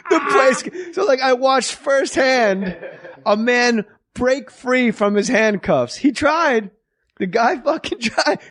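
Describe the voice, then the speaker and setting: High-voiced man telling a wild story. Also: expressive, slow. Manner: loud, shouting punchlines, laughing through the story. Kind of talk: animated podcast storytelling.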